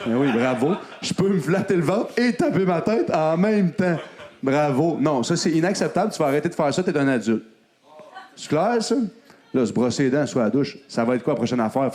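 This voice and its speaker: A man's voice: medium pitch, a little fast, a little mellow. A man with a Québécois accent hosting a live comedy show, teasing the crowd with mock outrage. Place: comedy club stage.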